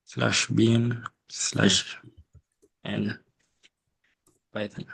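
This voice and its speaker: Gravelly, slow-talking male student. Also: medium pitch, little pitch movement, a bit bright.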